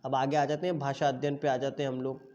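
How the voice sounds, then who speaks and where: A man teaching an online class, slowly dictating answers and pronouncing words for students. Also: mid-range voice, flat delivery, darkish tone, dull audio. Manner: slow deliberate dictation of answers.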